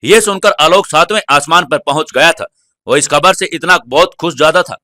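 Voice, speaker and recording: Bright-voiced male story narrator. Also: on the high side, normal speed, no room sound, clean studio sound. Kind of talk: scripted serial story narration.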